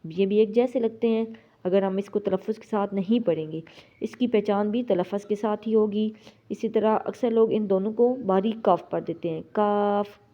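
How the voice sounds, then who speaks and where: Woman teacher going slow over each letter, patient, medium voice, kinda dull lo-fi sound. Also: medium pitch. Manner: patient, drawing out single letters slowly to demonstrate. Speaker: Quran reading teacher. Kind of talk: step-by-step pronunciation lesson.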